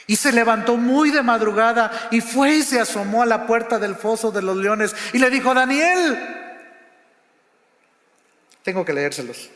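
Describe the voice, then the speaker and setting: Pastor, high voice, unhurried dramatic sermon delivery, roomy hall reverb. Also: male voice, fairly even intonation. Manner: dramatic, acts out quotes, drops to hushed low voice. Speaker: preacher. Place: church sanctuary.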